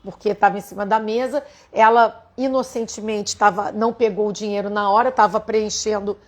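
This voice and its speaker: With medium pitch and fairly even intonation, a Brazilian Portuguese-accented woman speaks at normal speed. She is a spiritual teacher who earnestly tells her audience a story, addressing them directly.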